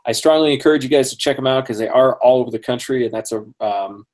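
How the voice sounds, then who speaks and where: Man, interview host, casual chat, laughs often, lots of ums, mid-pitched voice. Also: fast talker, darkish tone. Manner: friendly, laughs often, many fillers. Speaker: podcast host.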